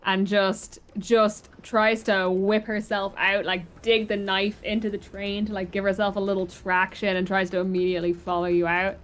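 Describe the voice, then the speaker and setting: A woman narrating a tabletop role-playing game in an informal, animated storytelling way. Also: medium pitch. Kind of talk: casual improvised game narration.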